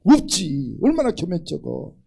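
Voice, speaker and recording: An older male pastor preaches in an animated way, his voice pitched high and swooping widely. There is a gravelly fry in his tone, and he acts out the voices of the people he quotes. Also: moderate pace, rough recording. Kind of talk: sermon. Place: church sanctuary.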